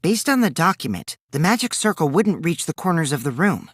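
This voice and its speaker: A mischievous teenage boy from an anime video game taunts in a sing-song, slightly fast voice whose pitch leaps around, swinging theatrically from gleeful mockery to cold remarks. The mood is calm and reasoning, and the recording is dry, without room sound.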